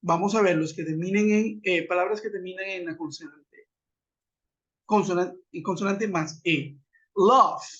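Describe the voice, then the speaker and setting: A man's voice: high voice, measured pace, fairly bright tone. A man teaching an English grammar lesson in a webinar, patiently repeating and spelling out examples. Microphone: computer mic on a web call. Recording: dull lo-fi web conference audio.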